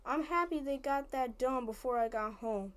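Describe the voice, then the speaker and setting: A woman's voice: high-pitched, normal speed. Woman reading a children's story aloud. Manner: plain storybook reading with small slips and restarts. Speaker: story reader.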